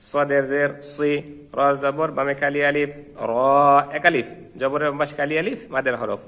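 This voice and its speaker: A Bengali-speaking man teaching Quran reading, spelling out letters and vowel marks, then slowly chanting whole verses. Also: on the high side, flat delivery, a bit bright. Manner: chants verses in a slow melodic recitation. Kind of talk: slow spelled-out recitation lesson.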